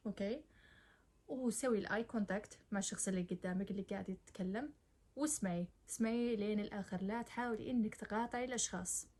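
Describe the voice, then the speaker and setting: A woman's voice: mid-range voice, a little mellow. Brief: young woman, chatty advice vlogger, talks straight to the viewer and mixes in English words. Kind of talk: casual advice talk to camera.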